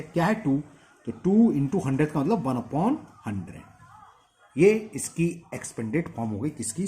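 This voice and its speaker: A man teaches a maths lesson. His voice sits a little high and swings widely in pitch. He keeps asking short questions and answering them himself as he goes over each step again. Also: mellow. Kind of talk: blackboard-style maths lesson.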